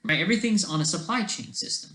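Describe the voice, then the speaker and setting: Working alone on an online video, a man talks through his own ideas in a fairly high, highly animated voice. His speech is halting and stop-start, drifting off and hopping between thoughts, often tagged with little check-in questions. Heavy room echo suggests an untreated space.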